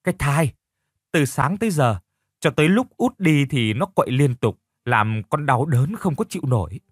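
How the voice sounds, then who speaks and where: A man's voice: mid-range voice, big pitch swings, normal speed, husky, no room sound, clean studio sound. A man voicing a frightened young pregnant woman who pleads through tears. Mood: pleading. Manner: pleading, tearful.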